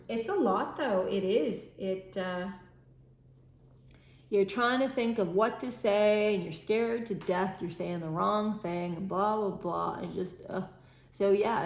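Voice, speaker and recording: A woman's voice: mid-range voice, reverberant. A tired woman hosting a puzzle channel from home, chatting unscripted and rambling with lots of fillers, sometimes dropping to mutters as she works. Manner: drops to mutters and whispers while working the puzzle. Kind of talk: unscripted chat while doing a puzzle.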